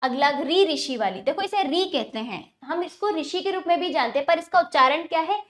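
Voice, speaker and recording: A woman teaching a grammar lesson to children, patiently asking questions and then answering them, spelling words out slowly. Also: high voice, expressive. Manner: slows down and stresses each word when spelling examples.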